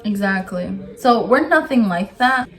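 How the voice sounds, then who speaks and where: Young woman host, casual chat, mid pitch, loose filler-heavy delivery. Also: unhurried. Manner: relaxed, says "like" and "literally" a lot.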